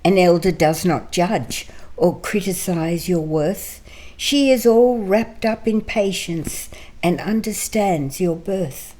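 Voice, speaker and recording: An older woman from Greece, reading her own poem in a slow, measured way and then telling her life story as a guest in her home. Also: lowish voice, dark tone, low-quality recording. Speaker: interview guest. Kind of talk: poetry reading and personal storytelling.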